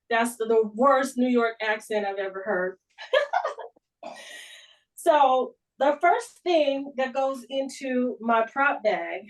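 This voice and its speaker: A middle-aged woman speaking as a guest at a club meeting, telling a personal story in an unhurried, conversational way. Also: high voice, distant mic, poor audio. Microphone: video call.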